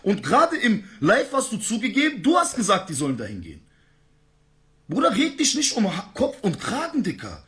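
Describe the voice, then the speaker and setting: A man's voice: high-pitched, huge pitch swings, brisk, a bit bright. A man ranting heatedly in a live-stream argument, full of street slang.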